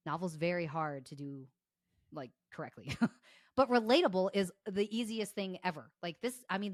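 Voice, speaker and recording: A woman's voice: on the low side, dry recording, clean studio sound. A young adult woman, a consumer behavior strategist, explaining enthusiastically as a guest in a casual podcast interview, often laughing as she talks. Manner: enthusiastic, fast-flowing explanations with frequent laughs.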